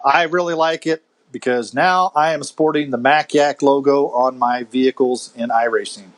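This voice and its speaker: Speaking at a normal pace in a mid-range voice, a man hosts a laid-back podcast chat over video call, with rough recording quality. He's friendly and talkative, often laughing and rephrasing mid-sentence.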